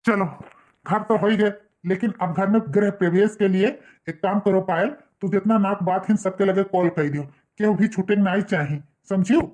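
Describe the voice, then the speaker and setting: A woman's voice: mid-range voice, normal speed, a little mellow, close to an everyday voice. A woman voicing a young husband with an Awadhi accent, who speaks in a complaining, reproachful way. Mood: instructing. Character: young office-going husband, upset and hurt.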